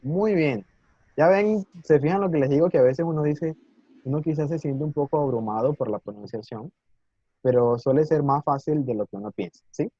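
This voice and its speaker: Teaching Mandarin to students in a live online session, a man with a slightly high voice stays patient and encouraging, checking in frequently and pronouncing words slowly and clearly. The recording is dry, with the highs cut off.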